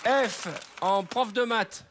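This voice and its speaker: A man hosting a TV game show, giving brisk instructions. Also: sits high, a bit bright, some chatter behind, slight background noise.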